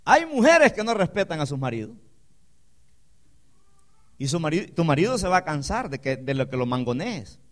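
A man preaching a sermon, calling the congregation "hermano", swinging between loud emphatic declarations and quiet, low asides. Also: sing-song, moderate pace, long pauses. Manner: addresses the congregation as "hermano" with call-and-response questions.

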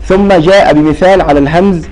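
A man's voice: fairly high pitch, steady tone, brisk, a little mellow, poor audio. A man teaching a religious recitation lesson, explaining patiently and quizzing his students with repeated questions. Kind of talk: classroom lesson.

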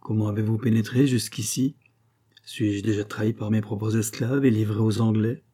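Man doing a haughty prince, suspicious, commanding, mellow husky voice, adventure storybook. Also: on the low side, steady tone, moderate pace.

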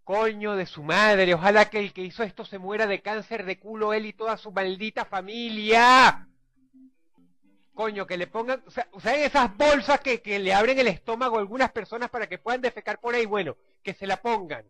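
A man with a Venezuelan accent narrating his gameplay, swearing nonstop and shouting in frustration. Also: high-pitched, a little fast. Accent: Venezuelan Spanish. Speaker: gamer. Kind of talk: raging gameplay commentary.

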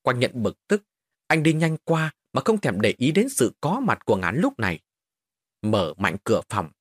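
A man narrating a dramatic story with an expressive, lively delivery. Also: mid-range voice, moderate pace, dry recording. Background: faint music.

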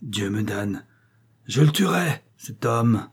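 Man doing a brooding jealous lord, tense, hushed then raging, storybook reading. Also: medium pitch, lively intonation, moderate pace, husky. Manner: tense, alternately hushed and enraged. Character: brooding jealous nobleman, furious and scheming.

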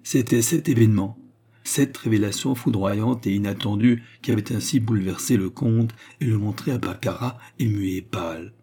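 A man narrating a classic novel as an audiobook, reading in an expressive, dramatic way. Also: on the low side, moderate pace, breathy edge.

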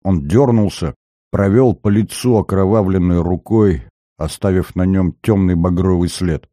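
A male audiobook narrator with a low, mellow voice reads at a measured, even pace. He is recorded close on a studio mic, and the sound is dry with no room around it. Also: no room sound. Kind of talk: scripted narration.

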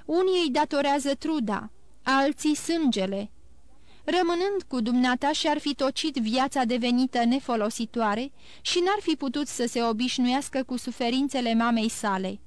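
A woman voicing a grave, composed nobleman count who speaks in a measured, formal and consoling way, in an audiobook. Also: high voice, no room sound, natural voice. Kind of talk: audiobook character reading.

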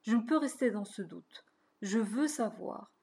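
A nervous, stammering old bachelor in his sixties, voiced with a mellow, warm tone by a woman reading the story aloud. He circles his question haltingly, caught between hope and dread. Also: mid-range voice, expressive, creaky. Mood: anxious. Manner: hesitant, stammering. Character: anxious older male bachelor, 62, hesitant.

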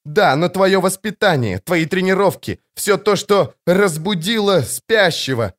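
A tormented teenage boy, as a male reader puts him on bursts out with bitterness and intensity, his voice pushed up high and loud. He sounds tense and agitated, in an audiobook reading. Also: animated, moderate pace, close to an everyday voice. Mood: bitter. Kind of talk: audiobook character voice.

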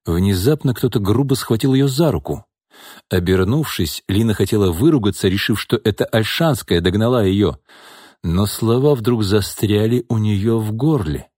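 A man narrating an audiobook in a measured, even reading voice. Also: lowish voice, no room sound, studio quality. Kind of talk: scripted narration.

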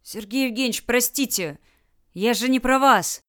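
A woman's voice: on the high side, animated, normal speed, natural voice. A woman reading an audiobook, voicing a hot-tempered tough man who barks out blunt, coarse words. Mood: remorseful. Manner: barking, blunt. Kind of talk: audiobook character voice.

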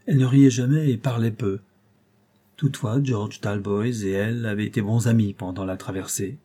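A man narrating a classic novel with a measured, steady storytelling delivery. His voice is warm and mellow, with a husky, slightly breathy grain. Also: on the low side. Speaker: audiobook reader. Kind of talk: reading a novel aloud.

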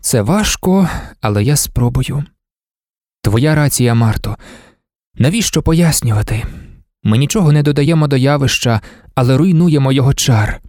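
Male narrator playing a reflective young lover, measured and philosophical, mellow tone, dry close sound. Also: mid-range voice, animated, dry recording, natural voice. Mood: musing. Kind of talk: audiobook reading.

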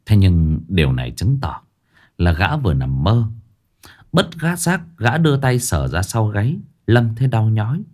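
A man narrating a ghost story in an expressive, dramatic way. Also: lowish voice, moderate pace.

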